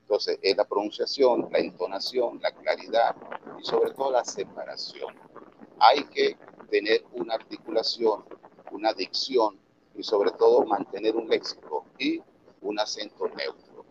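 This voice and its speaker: A man's voice: on the low side, measured pace, gravelly. A man from Venezuela, a radio announcer and producer, giving earnest, instructive answers in a remote interview, with a Valera accent. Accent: Venezuelan Andean, Valera. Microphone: video call. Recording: dull lo-fi video call audio with faint noise.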